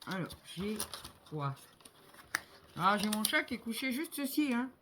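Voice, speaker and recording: A middle-aged woman thinking aloud while she works on a craft project. She talks at an unhurried, slow pace, fills her sentences with little hesitations, and keeps a relaxed, chatty tone with her viewers. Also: medium pitch, background noise. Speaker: crafter building a model kit. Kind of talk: casual hands-on crafting commentary.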